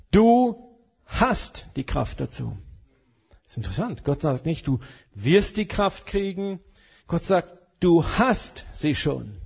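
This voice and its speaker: A man's voice: a little high, vocal fry, darkish tone, slightly rough, dull audio. A man preaching a sermon in a playful, joking manner, dropping English phrases in now and then. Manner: humorous, mixes German with English phrases.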